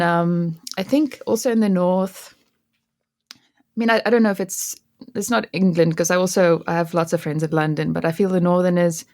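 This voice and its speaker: Here a South African woman with an Afrikaans-native accent is a guest in a relaxed interview, often starting her sentences over. Her voice sits on the low side and is slightly mellow, captured in a clean studio with no echo.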